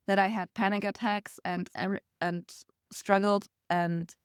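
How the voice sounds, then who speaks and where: Young woman, smooth clear voice, dry close sound, casual storytelling. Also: mid-range voice, little pitch movement, moderate pace, dry recording. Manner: storytelling with laughs and acted quotes. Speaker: podcast guest. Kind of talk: casual conversational interview.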